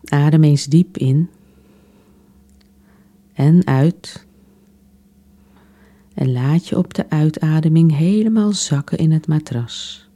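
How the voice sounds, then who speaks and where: A woman softly guiding a relaxation exercise in a soothing, unhurried way, with long pauses between phrases. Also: deep voice. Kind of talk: guided relaxation meditation.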